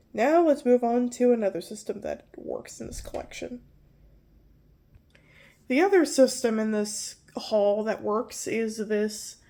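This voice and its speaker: A young woman hosting a tech video casually tours old computer hardware, her voice nasal from pollen allergies. She rambles, frequently corrects herself, and apologizes, speaking at a fairly high pitch with a darkish tone.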